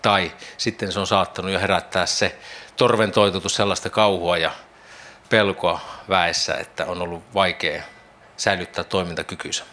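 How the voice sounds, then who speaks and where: A man with a fairly low voice delivers a devotional Bible teaching. He talks reflectively, painting the scene for his listeners and asking them questions as he goes. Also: steady tone, sharp tone. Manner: reflective, imagining scenes aloud with rising questions. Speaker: preacher.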